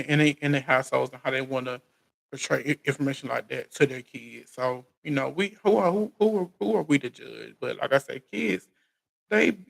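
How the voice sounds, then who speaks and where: A man's voice: mid-range voice, gravelly, a bit bright, low-quality recording. An American man hosting a casual live recap, speaking in informal colloquial phrasing and often restarting and repeating his phrases. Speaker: recap show host. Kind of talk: casual live recap chat about reality TV.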